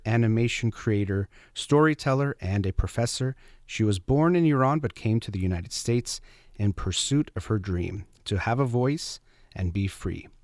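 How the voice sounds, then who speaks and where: Male radio interviewer, lower register, steady and formal, dead-dry studio mic. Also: no echo. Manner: measured, formal introductions. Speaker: radio show host.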